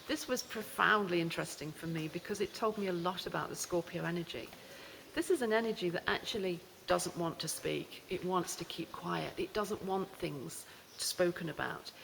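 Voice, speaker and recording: A woman's voice: on the low side, a bit bright. A woman presenting an astrology explainer unscripted, reflective and hesitant with emphatic repetition, recorded with cave echo. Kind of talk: unscripted spoken explainer to camera. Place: inside a mountain cave. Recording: echoey cave reverb, clear background noise.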